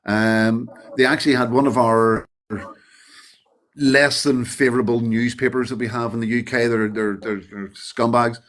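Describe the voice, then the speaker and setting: Animated man telling stories. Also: mid-range voice, moderate pace. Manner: animated, swearing, acts out quoted voices. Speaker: interview guest, former extra. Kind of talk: casual storytelling.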